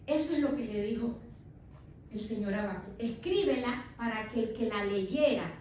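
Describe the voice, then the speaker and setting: A woman's voice: fairly high pitch, lively intonation, moderate pace, darkish tone. A woman pastor in her thirties preaching a sermon with emphatic delivery, addressing the congregation as brother. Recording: echoey church from far off, faint noise.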